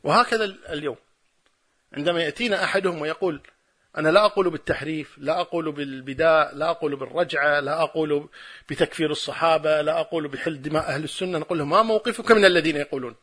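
A middle-aged man delivers a religious lecture and answers listeners' questions. His voice is high and a little husky, and he talks very fast. He argues emphatically, driving his points home through forceful repetition.

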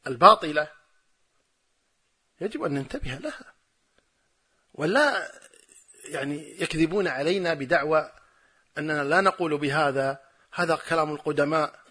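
A middle-aged man giving a religious lecture and answering questions from listeners, arguing emphatically and building his points through forceful repetition. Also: on the high side, lively intonation, normal speed, long pauses, husky.

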